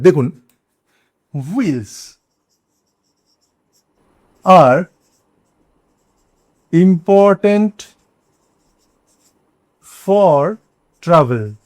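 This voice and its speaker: A man's voice: on the high side, a little mellow. A man with a Bengali accent teaching an English grammar lesson, explaining examples step by step and posing questions to students. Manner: spells out words letter by letter, asks rhetorical questions.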